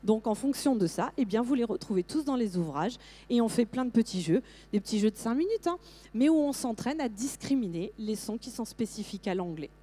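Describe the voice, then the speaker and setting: A middle-aged woman giving a lively conference talk to teachers, with frequent fillers and restarts. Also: fairly high pitch, brisk. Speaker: teacher trainer presenting to teachers.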